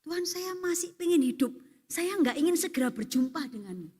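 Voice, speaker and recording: A man's voice: very high-pitched, animated, fairly quick, a little mellow, pitched above the performer's own voice. A woman preacher voicing a stranded male traveler who pleads with rising, anxious cries, in a long church-hall reverb. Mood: pleading.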